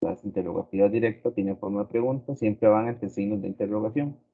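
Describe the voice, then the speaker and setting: A man teaching a grammar lesson slowly and deliberately, repeating his examples. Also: on the low side, creaky, breathy edge. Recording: tinny phone-like recording.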